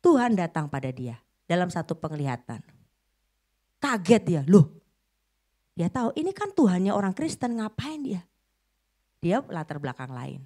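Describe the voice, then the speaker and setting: A middle-aged woman preaching a sermon, telling a story dramatically and swinging between loud bursts and hushed lines. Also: lowish voice, big pitch swings, normal speed, pauses often.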